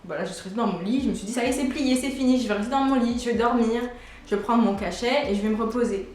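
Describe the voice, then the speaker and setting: A woman's voice: a little high, fast, darkish tone. A woman in her twenties telling a personal story casually, full of fillers and restarts. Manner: chatty, many fillers and restarts. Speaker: vlogger. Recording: very echoey room with faint noise.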